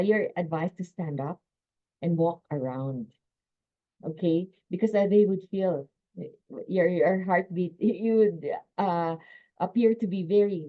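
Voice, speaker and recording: A woman gives a sales training lecture over a video call, energetic and emphatic, with quick laughs between her points. The call audio is a little dull and muffled. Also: lowish voice.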